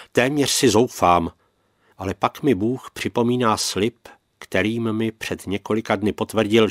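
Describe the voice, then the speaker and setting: Low-voiced man reading a memoir. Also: no echo, studio quality. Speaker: audiobook narrator. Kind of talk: first-person memoir reading.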